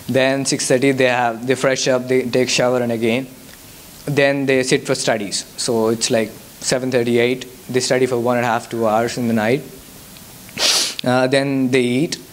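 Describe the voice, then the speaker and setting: Guest speaking at a church youth service, a young Indian man who natively speaks Telugu answers the audience's questions in English with a Telugu accent. His delivery is flat, medium-pitched, and moderately paced, and he hesitates a lot with fillers and restarts.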